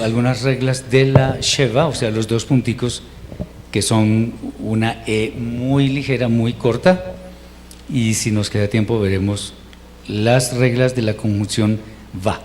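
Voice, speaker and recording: A man's voice: mid-range voice, a little mellow. Patient male Hebrew teacher, faint hiss. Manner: patient, explains step by step with pauses and restarts. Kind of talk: informal language lesson. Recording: faint background noise.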